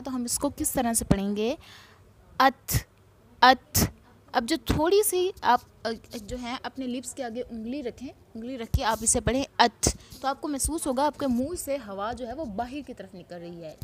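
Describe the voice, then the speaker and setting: A woman teaching Quran recitation rules, patiently spelling out letter sounds one at a time and repeating them for drills. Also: a little high. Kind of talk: slow, deliberate tajweed lesson with drills.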